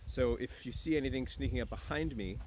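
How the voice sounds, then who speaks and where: Near the woods outside, a man with a medium-pitched, slightly mellow voice speaks a little fast while chatting casually with students and reading aloud from a book. His delivery is easygoing and teacherly with frequent throat clearing, and outdoor background noise is clear.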